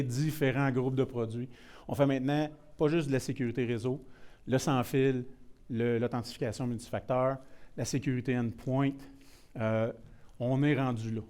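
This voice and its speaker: A man's voice: mid-range voice, mellow. A man with a Québécois accent giving a technical security workshop, casual and self-deprecating, with many restarts and English words mixed in. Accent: Québécois French. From Quebec. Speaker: presenter.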